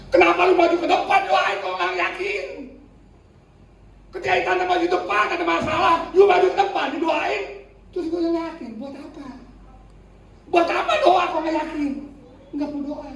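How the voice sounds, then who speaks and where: A male pastor preaching in a lively, colloquial way, slipping into slang and acting out the people he quotes. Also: extremely high pitch, creaky. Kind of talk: sermon. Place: church hall. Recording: echoey church hall, distant mic, faint noise.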